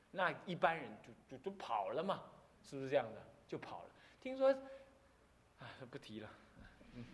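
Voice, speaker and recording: A middle-aged man with a Taiwanese Mandarin accent, a Buddhist abbot giving a sermon, animated and full of rhetorical questions and laughter. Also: mid-range voice. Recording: lecture hall with long reverb.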